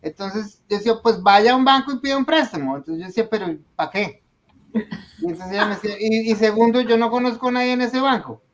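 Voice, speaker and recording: Talking at a quick pace in a high voice, this man, a small business owner, recounts his story on a casual podcast and performs the quoted dialogue of its characters. There's slight background noise, and the recording sounds dull and lo-fi.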